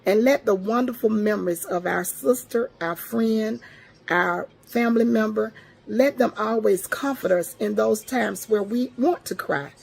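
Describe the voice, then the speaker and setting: A woman's voice: on the high side, measured pace, gravelly, darkish tone, husky. A tearful woman giving a heartfelt, prayerful memorial tribute. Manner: prayerful, speaks in blessings.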